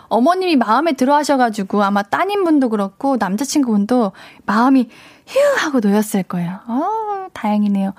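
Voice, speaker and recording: Female radio host, higher-pitched, dry close studio sound, chatty and direct with listeners. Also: a little mellow, no echo. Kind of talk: casual radio chat reading listener messages. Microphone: studio microphone.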